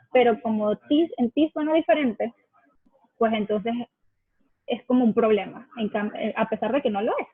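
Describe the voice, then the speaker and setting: Woman, young adult, hesitant casual chat, slightly husky, tinny dry call audio. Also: on the high side, dry recording. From Venezuela. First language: Spanish. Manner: thoughtful, hesitant, searching for words. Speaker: guest sharing immigrant experience.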